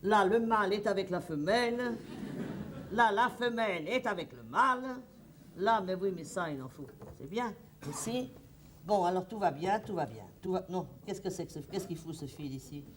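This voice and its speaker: Actress as a flustered, rambling hostess in a boulevard stage comedy, lively pitch, faint hiss behind. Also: female voice, normal speed, natural voice. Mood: fussing. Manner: theatrical, fussy, rambling, talks to the audience. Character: flustered middle-aged hostess Françoise Lumière. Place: theatre stage.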